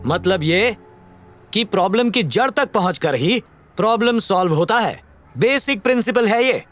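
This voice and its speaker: An actor dubbing a calm, caring father who reasons with gentle sarcasm, heard over film music. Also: high-pitched, moderate pace. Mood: wry. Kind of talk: Hindi film dub acting. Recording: film soundtrack with music under dialogue. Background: film score music.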